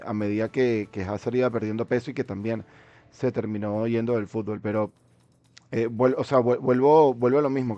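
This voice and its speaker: A man's voice: mid-range voice, mellow, dull audio. A man in a casual football discussion, speaking as a commentator in a hesitant way, often repeating words mid-sentence.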